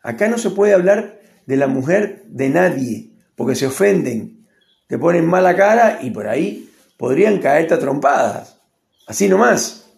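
A man's voice: a little high, very animated, measured pace, gravelly, a little mellow. A man with a Rioplatense accent giving a rambling, opinionated casual monologue and acting out quotes. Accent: Rioplatense Spanish. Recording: echoey room.

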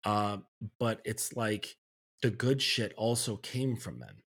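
A man's voice: fairly low pitch, very animated, slow, creaky, a bit bright, breathy edge. A man talking as a guest on a podcast, reflective, often checking in with the listener as he makes his points. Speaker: guest, men's coach. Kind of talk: podcast conversation.

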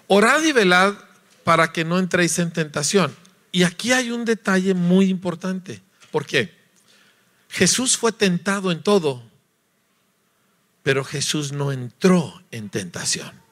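A man from Mexico, preaching a lively sermon, acting out voices and asking his listeners to agree. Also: sits high. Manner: animated, acts out voices, sings notes, asks listeners "¿verdad?".

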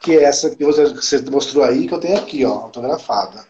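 A man with a Brazilian Portuguese accent, a podcast guest telling an emotional story in casual chat, emphatic and animated, acting out quoted dialogue. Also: medium pitch, fast, lo-fi sound.

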